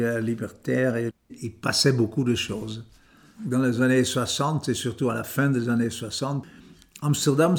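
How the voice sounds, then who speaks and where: A man's voice: medium pitch, a little mellow. An older man with a Dutch accent, a native Dutch speaker recalling his life in an interview, hesitating and restarting his words often. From Netherlands. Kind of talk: reminiscing interview.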